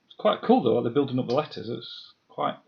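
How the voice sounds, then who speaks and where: Bloke in his 50s, chatting and muttering away on a lego live stream, mid pitch, kinda dull lo-fi audio. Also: very animated, brisk, vocal fry. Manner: chatty, muttering to himself, reading out viewer comments. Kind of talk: casual live-stream chat while building.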